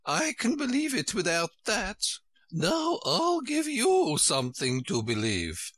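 Man as dotty old storybook queen, very high squeaky voice, wildly swooping, bossy, flustered, exclamatory. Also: wildly swooping pitch, a bit bright, husky, dry recording, heavily acted. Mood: decisive, bossy. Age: older. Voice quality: shrill, squeaky, bleating. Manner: exclamatory, insistent, drawn-out delivery.

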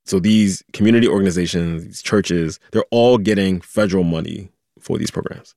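A man with a very deep, gravelly voice hosts a conversational news podcast. He talks casually and jumps in with quick reactions. His sound is close and dry. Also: warm tone, no room sound. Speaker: podcast host.

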